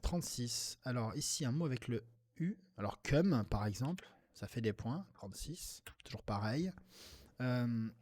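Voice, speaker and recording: A man playing Scrabble talks himself through each move, mostly in a low, half-muttered voice as he tries out letter combinations. Now and then he bursts into loud, delighted exclamations before settling back into his steady mid-pitched murmur. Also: measured pace. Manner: mutters word tries half to himself, with sudden excited outbursts. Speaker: Scrabble player commenting on his game. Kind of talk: thinking aloud while playing.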